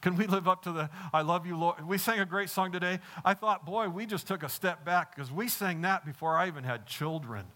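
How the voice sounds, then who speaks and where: A man's voice: high voice, brisk, hardly any pauses, sharp tone. A man preaching a sermon to a congregation, acting out dialogue and dropping to whispers for effect. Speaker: pastor. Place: church sanctuary before a congregation.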